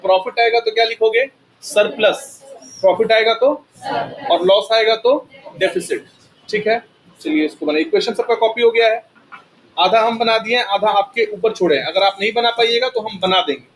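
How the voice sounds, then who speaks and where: A man teaches a classroom lesson. He fires a steady stream of questions at his students and then answers them himself. Faint noise hangs behind him. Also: high-pitched, moderate pace, low-quality recording. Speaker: accounting teacher. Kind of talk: classroom lecture.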